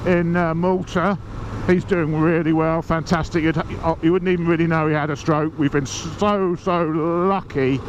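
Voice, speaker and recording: Riding his motorbike through city streets, a man chats casually at a moderate pace in a steady, rather high voice. The vlogger is cheeky and self-mocking with the odd swear, sniffling from hay fever, over dull audio thick with wind and traffic.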